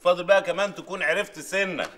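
An actor with an Egyptian Arabic accent, playing an exasperated, sarcastic man of the house who mocks and shouts. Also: high voice, fairly even intonation. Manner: sarcastic, mocking, quick to shout. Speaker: sitcom character.

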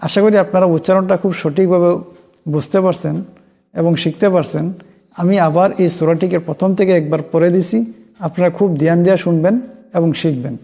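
A man teaching the pronunciation of a Quran chapter, slowly saying each word again and again to demonstrate it. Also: high voice, steady tone, gravelly, dark tone, big-room sound. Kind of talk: spoken Quran pronunciation lesson.

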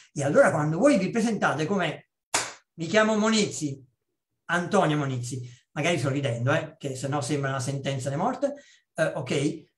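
A man in his fifties from Naples, a public speaking trainer giving a chatty webinar talk with personal stories, often checking in with a quick "ok?". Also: high-pitched, echoey room. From Naples, Italy. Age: 50s. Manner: lively, conversational, checks in with "ok?" and tosses in blunt asides. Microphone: video call.

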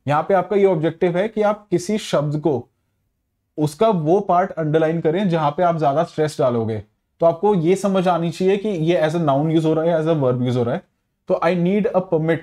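Male grammar tutor, somewhat high-pitched but mellow, reads examples slowly, fillers between points. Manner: reads English example sentences slowly, then explains in Hindi; mixes Hindi and English, with frequent fillers. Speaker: English grammar teacher. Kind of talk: exam-prep lesson.

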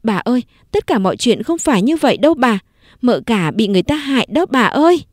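A woman's voice: on the high side, very animated, brisk, a little mellow, no room sound, studio quality, voice pushed up. A woman narrator voicing a young, loyal servant girl who pleads tearfully. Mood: pleading.

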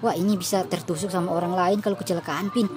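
A woman voicing a reckless, carefree little cartoon boy in a lower, offhand voice. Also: steady tone, quick pace, natural voice. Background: game music.

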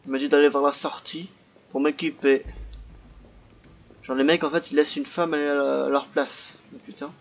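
A man giving casual let's-play commentary, chatty and jumpy, reacting out loud and swearing often. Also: on the high side, flat delivery, normal speed, gravelly, pauses often, soft background music. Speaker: gaming video host. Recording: dull lo-fi sound with faint noise.

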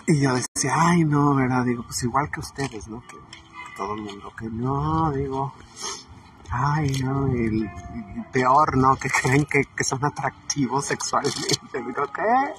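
A brash, gossipy woman, put on by a man with a Mexican accent rambles through a comedic monologue. She chats on, swears freely and drops her sentences halfway. The voice sits at an ordinary pitch and comes from a mic set well back, with clear background noise in the room. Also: lively intonation, unhurried, close to an everyday voice. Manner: rambling, chatty, swears, trails off mid-sentence. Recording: distant mic with noisy ambience.

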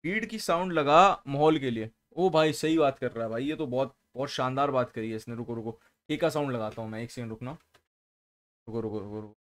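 A man's voice: mid-range voice, brisk, no room sound. Joking, foul-mouthed young streamer man. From Kolkata, India. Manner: loose, joking, swears freely, mixes in English phrases. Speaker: live streamer. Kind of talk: casual livestream chat. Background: faint background music.

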